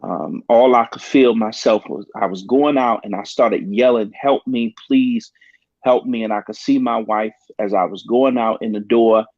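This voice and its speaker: A pastor recounts a personal story in an earnest, halting way, stopping often on ums. His voice sits low. The sound is dull and dry, like a lo-fi talk-show recording. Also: darkish tone, dry recording.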